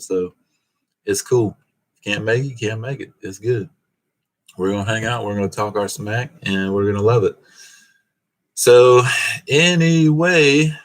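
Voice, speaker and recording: A man hosting a casual live stream, reading viewer comments aloud and chuckling in a laid-back way. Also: on the low side. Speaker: host of a car channel live stream.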